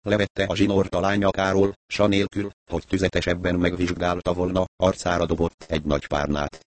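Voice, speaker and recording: Deep-voiced man reading an audiobook. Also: little pitch movement, no echo. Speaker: narrator. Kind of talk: audiobook narration.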